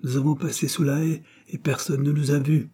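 A man doing a spoiled, insolent teenage boy who sneers and orders others about, his scornful lines set a little higher than plain reading. The tone is mellow and a bit husky. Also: flat delivery, fairly quick. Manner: scornful, bossy.

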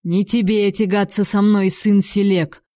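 A woman reading the part of a proud young male warrior, speaking with cold, measured threat. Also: medium pitch, steady tone, dark tone, no room sound, clean studio sound, lightly acted. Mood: cold menace.

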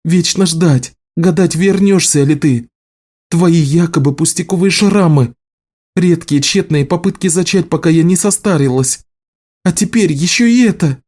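A man's voice: on the high side, moderate pace, hardly any pauses, warm tone, husky, pitched above the performer's own voice. Man doing an upset, pleading wife. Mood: tearful. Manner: raised, pleading and scolding. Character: anxious, pleading adult wife, tearful.

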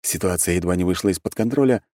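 A man narrating a first-person fantasy audiobook in an expressive reading style. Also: low-pitched, quick pace, no echo, studio quality.

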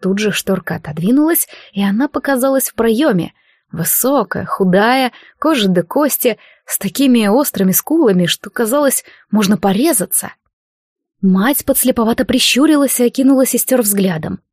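A woman reading a fantasy audiobook in a measured, even storytelling manner. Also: fairly high pitch, dry recording, studio quality. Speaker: audiobook narrator. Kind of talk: scripted narration.

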